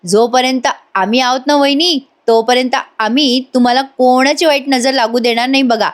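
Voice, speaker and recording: A woman's voice: high-pitched, steady tone, moderate pace, natural voice. A woman voicing a cheeky young village man, teasing and loyal to his sister-in-law. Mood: cheerful.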